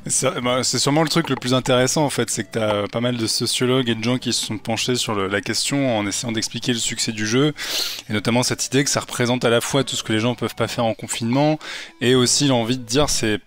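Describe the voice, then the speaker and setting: A man's voice: medium pitch, steady tone, fast talker, fairly bright tone. Man making joking asides on a podcast. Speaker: podcast co-host. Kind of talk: casual chat.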